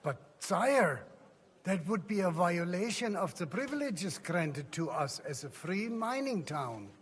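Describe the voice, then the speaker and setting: Protesting councillor, game drama. Deferential, lively high voice, long hall reverb. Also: male voice, a little slow, husky, exaggerated voice. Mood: pleading protest.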